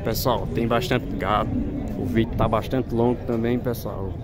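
A man's voice: lowish voice, steady tone, moderate pace. A man with a Northeastern Brazilian accent giving casual commentary as he films a cattle fair, speaking straight to his viewers and repeating prices. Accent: Northeastern Brazilian Portuguese. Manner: addresses viewers constantly, repeats prices, upbeat. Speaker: vlogger filming a cattle fair. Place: outdoor cattle market, crowded. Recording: loud crowd noise behind.

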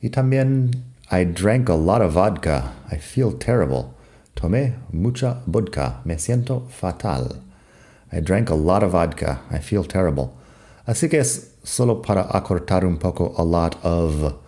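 A man with a low, mellow voice teaches in an unhurried podcast lesson. His first language is English, and he reads example sentences slowly and patiently before explaining them. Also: expressive.

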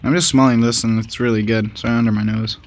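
A man giving casual, excitable commentary while playing a game with a friend, laughing and trash-talking his opponent. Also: mid-range voice, fast talker. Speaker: gaming channel host.

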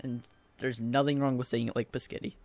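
A young man giving casual, rambling let's-play commentary, excitable and full of goofy asides. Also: medium pitch, a little fast. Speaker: gaming video host.

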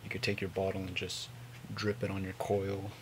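A man in his twenties giving a casual, mumbled, sweary product review on a low-volume webcam recording. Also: monotone, moderate pace, noisy background. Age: 20s. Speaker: vape reviewer. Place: small home room with hanging clothes.

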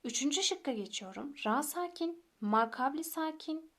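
Patient woman teacher, fairly high voice. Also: expressive. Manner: patient, repeats rules step by step, addresses listeners as friends; slows down to recite example words. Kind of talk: recorded tajweed lesson.

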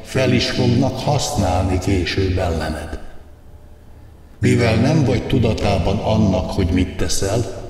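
A man's voice: on the low side, a little mellow, close to an everyday voice. A man playing a pompous male wizard doctor who preaches stillness in a satirical guided meditation, declaiming long lists of verbs. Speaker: meditation therapist in a satirical video. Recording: echoey hall from far off, music behind.

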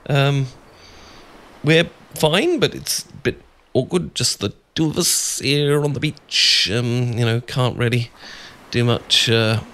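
In a romantic ASMR audio roleplay, a British-accented man plays an awkward, easily flustered, bashful friend who stammers and rambles. His medium-pitched voice is slow and a bit bright, and the mood is awkward and hesitant.

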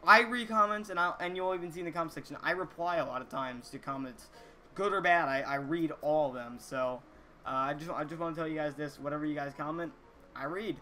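A fourteen-year-old boy vlogging casually to viewers, talking in an earnest, halting way with repeated words. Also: a little high, a bit bright, slight background noise. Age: teenager, 14. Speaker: YouTuber reading viewer comments. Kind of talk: casual chat to camera. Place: small indoor room, gaming chair.

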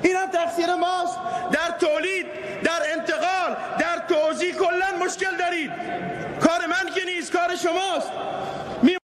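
A man, a member of parliament, shouting an angry, accusing speech in a parliament chamber. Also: very high-pitched, little pitch movement, slight background noise. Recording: echoey parliament hall with crowd.

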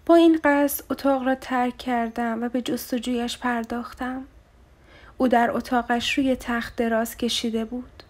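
A woman's voice: fairly high pitch, steady tone. A woman narrating a romantic novel as an audiobook, reading the dialogue with feeling. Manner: emotive, voices dialogue with rising intensity.

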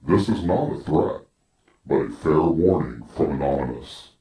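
A man reading a scripted warning statement in a solemn, declaiming manner, his voice disguised by electronic deepening. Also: animated, a little slow, dark tone, a little hiss or hum. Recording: echoey, distant-sounding disguised voice.

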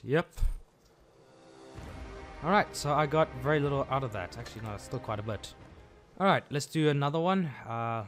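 A South African gaming channel host with a mid-range, fairly bright voice gives casual live commentary while playing a video game. He mutters his reactions as he plays.

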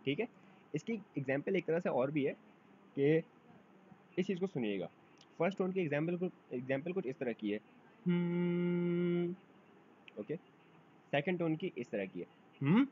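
A man's voice: a little high, lively intonation, a little mellow, husky. A man teaching a beginner language lesson, drawing out model sounds and asking learners to repeat after him. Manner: drawn-out model sounds for drills. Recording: dull lo-fi recording, faint noise.

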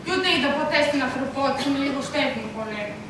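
Lightly acted and high-pitched, this woman's voice carries the role of a devout, anxious mother in a school stage play: worried, prayerful, fervent, lamenting and pleading. A distant camera mic picks her up on an echoey stage amid background noise.

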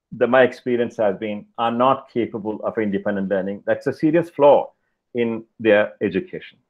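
An older man delivers a keynote lecture from home through a headset on a video call. He talks in a measured, deliberate way, pausing often with fillers. His voice sits in an ordinary middle register, and the call audio is a little dull. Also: mid-range voice. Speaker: keynote speaker. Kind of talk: lecture over slides.

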